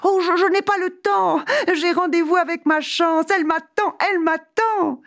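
A woman's voice: moderate pace, creaky, heavily acted. Woman doing a giddy carefree traveler. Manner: high, excited and singsong. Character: cheerful, carefree wandering man chasing his luck.

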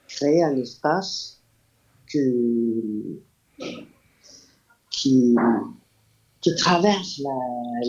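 A man's voice: mid-range voice, a little mellow. Interview guest, male, hesitant and full of fillers, lo-fi sound. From Argentina. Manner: halting, searching for words, many fillers. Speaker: guest, radio project founder. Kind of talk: interview answers. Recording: dull lo-fi sound.

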